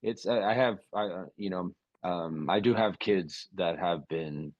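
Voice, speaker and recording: A young man, a boxer and podcast guest, talking in a relaxed, rambling way with many fillers and restarts over a video call. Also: sits low, a little slow, no room sound, highs cut off. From United States, West Coast. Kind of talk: casual podcast interview.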